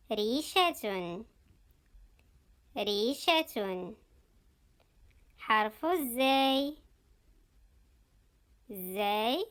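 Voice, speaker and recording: Woman, teacher, alphabet drill for kids, fairly high voice, very slow, repeats each word. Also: bright, forceful tone. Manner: says each word slowly twice, crisp.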